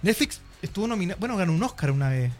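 Guy cohosting a chill talk show, kinda high voice, laughs a lot, faint music under it. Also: big pitch swings, very fast. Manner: jokey, laughs often, reads out listener greetings. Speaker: co-host. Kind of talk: casual radio and stream chat.

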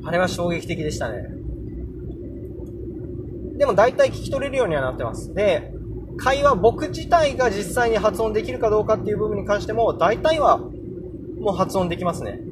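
A man's voice: sits high, very animated, normal speed, long pauses, background noise. A young man casually hosting a solo podcast, explaining English pronunciation and sounding out example words aloud. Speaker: podcast host.

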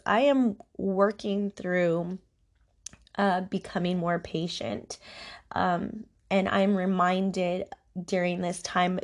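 A woman hosting a podcast with a congested voice, giving a personal, reflective talk about faith in a confiding manner. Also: medium pitch. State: congested from allergies, voice not its normal sound. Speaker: podcast host.

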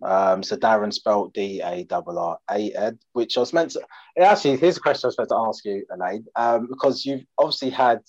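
A man's voice: lowish voice, fairly quick, no echo, dull audio. A man from Essex with an Essex accent, chatting casually as a comedian guest on a podcast in a jokey, self-deprecating way. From Essex, England. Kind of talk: casual chat.

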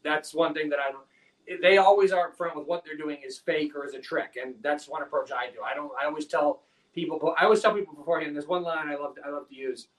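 A man speaking a touch higher than most men, heard from a little way off the microphone. He tells stories with earnest energy, talking about faith and his craft in a relaxed conversation. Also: quick pace, recorded from a distance, poor audio. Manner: animated storytelling, earnest.

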